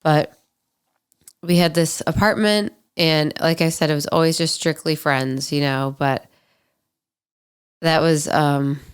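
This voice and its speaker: She's a podcast host in her twenties, chatty and candid as she tells stories alone, often saying um and like. Allergies make her sound a little stuffy and nasal, yet her low, steady voice is clear and resonant, delivered slowly with long pauses.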